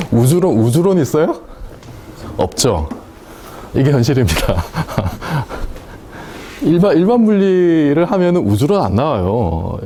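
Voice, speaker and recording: A man's voice: a little high, big pitch swings, takes it slowly, long pauses, mellow, slight background noise. Chatty man lecturing a university class. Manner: chatty, asks the class questions and laughs at his own points. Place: lecture room.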